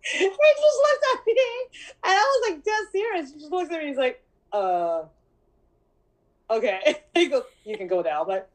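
A woman in her thirties telling a story in casual podcast chat, animated, acting out dialogue and laughing often. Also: very high voice, moderate pace, long pauses, low-quality recording. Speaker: podcast co-host.

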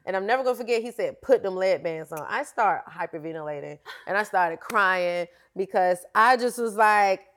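A woman's voice: mid-range voice, moderate pace, few pauses, a bit bright. A woman fitness instructor telling her story in a candid, slangy, casual interview.

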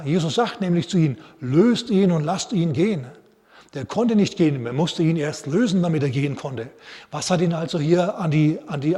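A man preaching a sermon as a pastor, telling stories in a lively way and acting out quotes. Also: a little high. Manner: lively storytelling with acted quotes. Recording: long reverb of a large hall.

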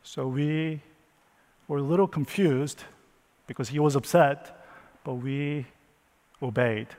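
A man preaching as a dramatic first-person retelling of a Bible story. He speaks slowly and with emotion, telling it as the father in the story. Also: on the high side, a little mellow, big-room sound.

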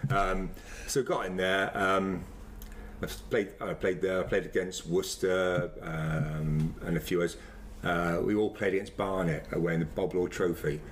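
A man, chatting casually about his past in a rambling, halting way, often repeating phrases. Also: deep voice, fairly even intonation, slight background noise. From Wiltshire, England. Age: 50s. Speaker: former semi-professional footballer being interviewed. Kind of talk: casual reminiscing chat.

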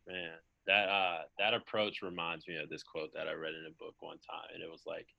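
A man's voice: deep voice, flat delivery, a little fast, creaky, no echo. A man talking casually as an interviewer, on a dull, lo-fi recording.

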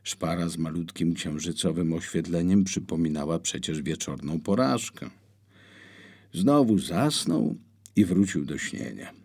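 A man narrating an audiobook with expressive storytelling. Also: unhurried, breathy edge. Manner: expressive storytelling with wide swings in pitch.

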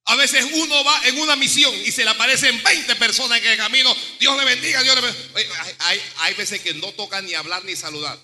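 High, bright-voiced man preaching. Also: fairly quick, hardly any pauses, big-room sound. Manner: animated preaching, acts out dialogue in quotes. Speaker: pastor. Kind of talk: sermon.

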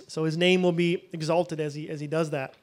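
A man's voice: a little high, flat delivery, fairly quick. A man teaching a Bible session in a loose, conversational way, thinking aloud as he goes.

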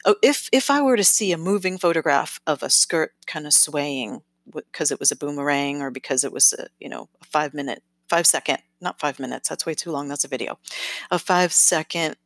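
Chatty low-voiced woman podcast host. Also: fairly quick, no room sound. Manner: chatty, self-correcting, often checks in with "okay?"; lively emphasis that turns sing-songy. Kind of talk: casual podcast advice talk.

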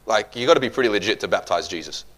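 A man preaching a sermon, animated and joking, swinging between loud bursts and quiet asides. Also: on the low side, very fast.

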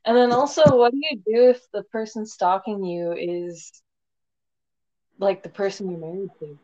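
A woman's voice: mid-range voice, steady tone, moderate pace, dark tone. Woman guest on a chatty podcast, blunt, short quips, kinda muffled audio. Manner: blunt, chiming in with short agreements. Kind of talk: casual podcast chat.

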